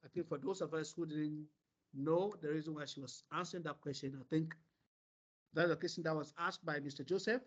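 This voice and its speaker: A man moderating an online seminar over a video call, relaying questions and explaining in a halting way with many pauses. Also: a little high, steady tone. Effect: heard over a video call. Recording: dull lo-fi meeting audio.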